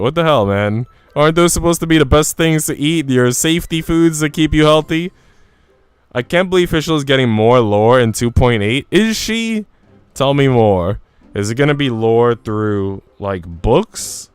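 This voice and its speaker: Soft music plays behind a man on a livestream who chats informally with viewers, swears a little, and reads a visual novel aloud. His medium-pitched voice is clear and resonant, and the recording is dry.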